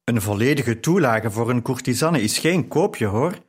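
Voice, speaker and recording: A man reading a novel aloud as a measured first-person narration. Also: mid-range voice, animated, breathy edge. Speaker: audiobook narrator.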